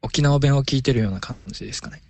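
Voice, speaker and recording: A man's voice: medium pitch, very fast, vocal fry, a little mellow. Man explaining patiently. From inland China. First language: Chinese. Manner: patient, explaining with hesitant fillers. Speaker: radio DJ guest. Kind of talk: casual conversational interview.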